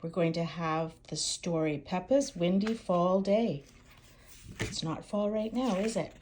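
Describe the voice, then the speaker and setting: A woman's voice: fairly low pitch, unhurried, a little mellow, slight background noise. An older woman reading a picture book aloud as a grandmother, expressively, with chatty asides to young children. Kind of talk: warm storybook read-aloud with chatty asides.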